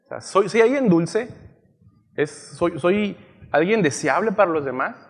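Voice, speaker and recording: A male preacher teaching a sermon, often pausing to ask his listeners "yes?" as he checks they follow. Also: high-pitched, expressive. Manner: teaching, asks frequent "¿sí?" checks. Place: church hall. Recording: long church hall reverb.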